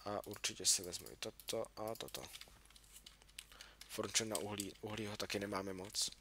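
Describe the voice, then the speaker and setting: A young gaming YouTuber with a lowish voice and fairly even intonation talks himself through a casual let's-play, yelping in alarm now and then. Beneath his voice, keyboard and mouse clicks are clearly heard, and the background is noisy.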